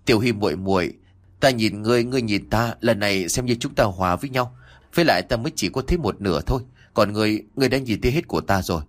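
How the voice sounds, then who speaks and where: A man voicing a cheeky, brash young swordsman who talks roughly and defiantly in a storybook reading. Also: fairly low pitch, expressive, natural voice. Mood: flustered. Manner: brash, rough-talking, quick and flustered. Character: cheeky brash young male martial hero.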